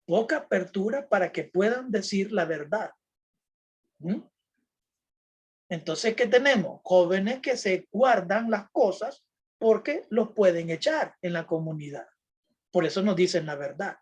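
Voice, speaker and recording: A man's voice: high-pitched, lively intonation, unhurried, slightly rough. A man giving a lecture on critical thinking to a religious group, checking in with his listeners through constant tag questions and plain everyday examples.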